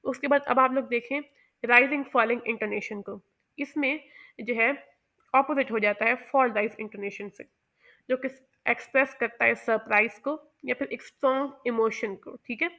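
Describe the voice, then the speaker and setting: A woman teaching pronunciation, explaining carefully and often pausing with "uh". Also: fairly high pitch, pushed and bright. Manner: measured and explanatory, with many "uh" pauses. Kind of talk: explanatory lesson.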